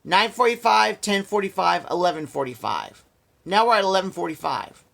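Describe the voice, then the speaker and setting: Gravelly guy venting on his vlog, keeps repeating himself, fed up. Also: sits high, lively intonation, normal speed, fairly bright tone. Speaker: vlogger. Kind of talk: casual ranting story to camera.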